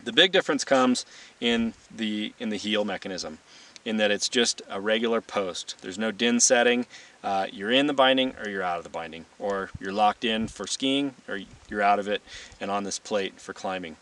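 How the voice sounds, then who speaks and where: An instructor-presenter walks through gear informally, his lowish, slightly bright voice moving at a moderate pace as he explains in a plain, matter-of-fact manner. Recorded on a distant mic with light background noise.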